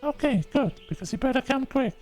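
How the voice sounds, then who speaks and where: A man's voice: very high-pitched, expressive, a little fast, a little mellow, faint music behind, voice pushed up. A man voicing a fussy, frantic woman who calls out in a rush from down the hall in a game. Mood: urgent.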